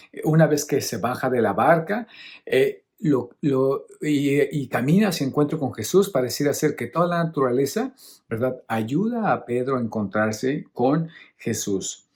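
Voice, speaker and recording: A middle-aged man, a priest preaching a homily on a Bible reading. He explains each point patiently and keeps checking in with his listeners. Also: medium pitch. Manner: teacherly, often checks in with the listeners.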